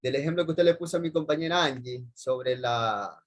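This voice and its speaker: A man's voice: medium pitch, normal speed, fairly bright tone. A young man with an Ecuadorian accent giving a rambling class presentation, full of hesitations and repeated phrases. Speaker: university student presenting. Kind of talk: class presentation over video call.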